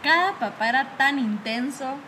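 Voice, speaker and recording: A young woman, casually telling animated stories about bad bosses and peppering them with "¿verdad?". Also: high-pitched, normal speed, slight background noise. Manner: animated storytelling, acts out her bosses' scolding; frequent fillers like "¿verdad?" and "va". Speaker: guest telling work stories. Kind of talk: casual chat.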